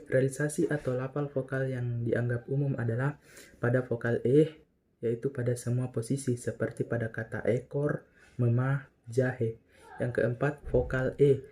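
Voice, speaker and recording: Young male student presenting in class; careful, slow-spoken examples, even and mellow. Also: mid-range voice. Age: young adult. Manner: explains carefully, slows down to pronounce example words.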